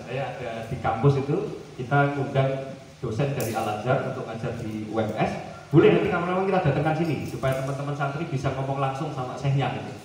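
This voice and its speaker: A man from Central Java with a Javanese-tinged accent, giving a lively, joking seminar talk at a boarding school, slipping into playful mock dialogues. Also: mid-range voice, slight background noise. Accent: Javanese-tinged Indonesian. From Central Java, Indonesia. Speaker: guest speaker at a seminar. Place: large hall at a boarding school. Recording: echoey hall recorded from far off.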